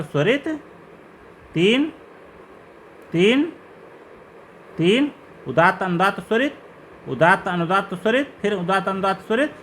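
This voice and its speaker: A man's voice: sits high, fairly bright tone, a little hiss or hum. A man teaching Sanskrit grammar in a lecture, listing terms one by one and asking questions to lead the class along. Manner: slow, repetitive listing of terms with rising questions.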